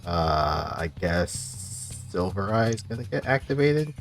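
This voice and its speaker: A man's voice: low voice, sing-song, slow, soft background music. A man playing a tabletop game, chatting casually as one of the players.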